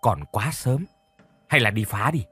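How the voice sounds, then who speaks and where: Man voicing a sharp-tongued scolding old aunt. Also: fairly low pitch, lively intonation, unhurried, breathy edge, heavily acted. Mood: furious. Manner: scolding, mocking, bossy.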